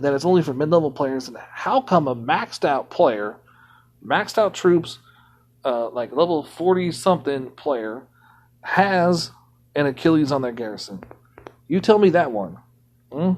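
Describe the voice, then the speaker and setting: Male game streamer, casual and indignant, a bit higher-pitched than most men. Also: animated, a little slow, darkish tone. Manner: ranting, indignant. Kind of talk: casual live-stream commentary.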